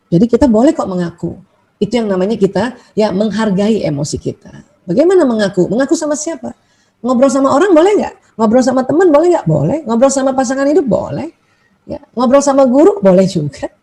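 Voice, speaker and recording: Lively middle-aged woman lecturer with a mellow voice. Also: medium pitch. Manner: lively, asks and answers her own questions with many "ya" fillers. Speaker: Islamic lecturer. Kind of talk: religious lecture on emotions and parenting.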